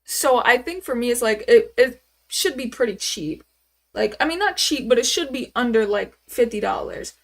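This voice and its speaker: A woman's voice: fairly high pitch, expressive, normal speed, vocal fry. A woman in her twenties chatting casually on a live stream, rambling and answering viewers' questions with lots of fillers. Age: 20s. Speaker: livestreamer.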